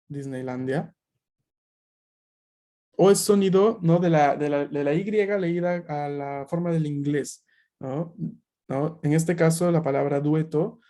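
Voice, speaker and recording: A man's voice: a little high, mellow. A man teaching a beginners' Japanese class over a video call, explaining patiently with frequent check-in questions. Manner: explanatory, many filler checks. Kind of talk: online language class.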